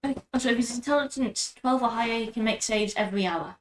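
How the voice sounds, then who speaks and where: A woman playing in a tabletop game, chatting casually and talking quickly and plainly about the rules. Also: a little high, echoey room, a little hiss or hum. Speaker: player.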